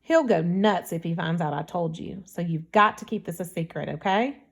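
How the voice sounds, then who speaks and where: Invisible teen boy, nervous and secretive, rushes his explanations; audiobook part read by a woman in her own voice. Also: lowish voice, creaky. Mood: urgent.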